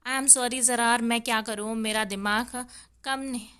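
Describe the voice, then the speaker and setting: Desperate young bride-to-be, pleading and tearful, smooth clear high voice, read by a woman narrator. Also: fairly even intonation, fairly bright tone, natural voice. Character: desperate young woman fleeing a forced marriage.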